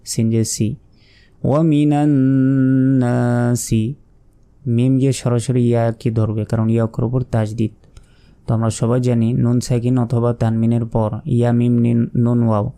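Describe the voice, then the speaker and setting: In a slow, step-by-step spelling lesson, a man recites the Quran, breaking each word into its letters and vowel marks and patiently explaining the rules. His mid-range voice is mellow with a creaky texture.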